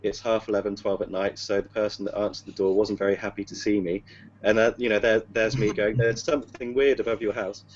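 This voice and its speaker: Over a video call, a man tells a casual story in a fast, fairly low voice with little pitch movement. He rambles and hesitates, with many fillers and restarts, and the call audio is dull and lo-fi with a faint hum.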